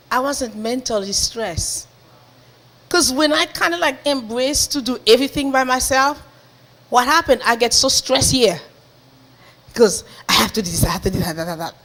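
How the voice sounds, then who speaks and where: A woman giving a lively, laughing personal testimony to a small church group. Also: a little high. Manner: animated, laughing, lively storytelling. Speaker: congregation member giving testimony.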